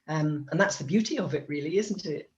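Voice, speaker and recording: A woman speaks as an interview guest in a fairly low voice. She explains things in a casual, conversational way. The recording is slightly dull and lo-fi. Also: fairly quick. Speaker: company founder being interviewed.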